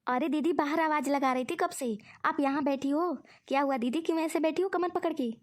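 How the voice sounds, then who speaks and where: A woman's voice: high-pitched, brisk, close to an everyday voice. A woman voicing a scheming younger friend who coaxes and tricks in a cartoon. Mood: coaxing. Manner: coaxing, sweetly persuasive. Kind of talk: cartoon voice acting.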